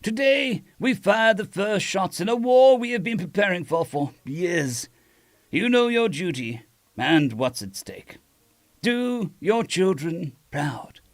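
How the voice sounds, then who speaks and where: A man voicing a stately grey-haired woman admiral giving a stern, measured address to her fleet. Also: high voice, lively intonation, no echo, voice pushed up, full character voice. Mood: grave, commanding.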